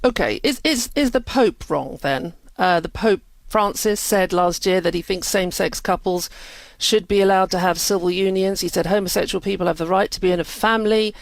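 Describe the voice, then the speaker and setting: A woman's voice: fairly low pitch, moderate pace, no echo. A woman working as a news interviewer, asking challenging questions in a probing, persistent manner.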